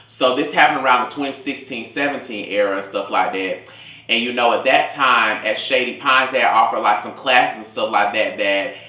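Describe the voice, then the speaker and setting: A man in his late twenties telling a casual, rambling story in slangy, animated talk as a food vlogger. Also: mid-range voice. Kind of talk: casual storytime told over a meal. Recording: echoey room.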